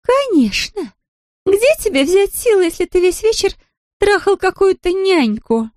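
A woman's voice: big pitch swings, unhurried, a little mellow, no room sound, clean studio sound, heavily acted. A woman reading an audiobook, voicing a drunk, jealous glamorous woman who slurs and shrieks. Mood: drunken shrill. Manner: slurred, shrill, screaming.

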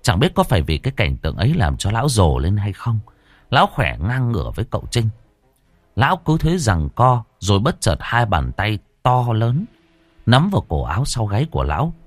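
Guy reading a story dramatic, deep-ish and a bit husky, faint music under. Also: huge pitch swings, normal speed, no echo. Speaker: audiobook narrator.

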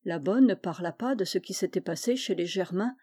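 Brief: audiobook narrator, mellow and even, classic children's tale. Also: female voice, fairly low pitch, brisk, husky. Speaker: audiobook reader. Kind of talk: reading a classic children's novel.

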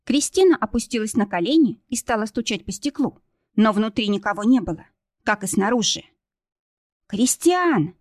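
A woman's voice: medium pitch, fairly quick, dry recording, clean studio sound. A woman reading a novel aloud as narrator, in a tense, dramatic storytelling manner. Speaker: audiobook narrator.

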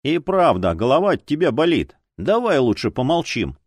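A man's voice: on the high side, very animated, moderate pace, no echo. Man doing an older policewoman, grumbling, sarcastic, scolding, dry studio sound. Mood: snapping. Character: grumpy older policewoman, former chief.

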